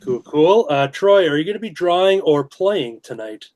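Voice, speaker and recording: A man hosting a casual drawing show, talking in a relaxed way with frequent "uh" fillers. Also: fairly high pitch, moderate pace. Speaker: host. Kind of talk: casual video-call chat while drawing.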